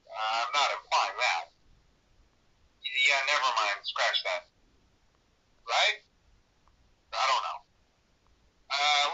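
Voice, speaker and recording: Phone Guy, sharp nervous voice on a telephone. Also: mid-range voice, heavily acted. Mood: flustered, uneasy. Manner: halting, stammering, awkwardly upbeat, downplays danger. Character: nervous, reassuring night-job phone trainer, a man. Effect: telephone filter. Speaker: employee leaving recorded training messages. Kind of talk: casual recorded phone message, acted. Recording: muffled, lo-fi telephone line sound.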